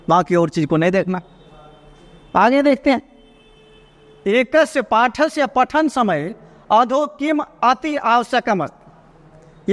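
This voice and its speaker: A male teacher with a very high voice gives an exam prep lecture. He reads out Sanskrit lines, explains them in Hindi and repeats the key terms. The sound rings with the long reverb of an echoey classroom. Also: a bit bright. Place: coaching classroom.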